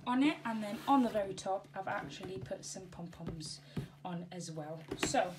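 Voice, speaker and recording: A woman's voice: medium pitch, lively intonation, moderate pace. Casual crafting vlogger, woman, rambling and self-correcting, noisy room with handling clicks. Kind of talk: casual chat while packing a gift box. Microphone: camera on tripod. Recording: clear background noise and handling clicks.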